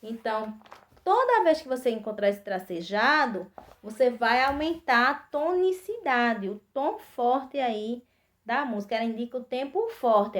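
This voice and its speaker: A woman from Brazil, speaking a little high, teaching a recorded arts lesson for small children. She goes over each instruction patiently and repeats herself. She keeps pausing to check that the kids are following. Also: a bit bright. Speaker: primary school arts teacher. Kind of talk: recorded remote class for young children.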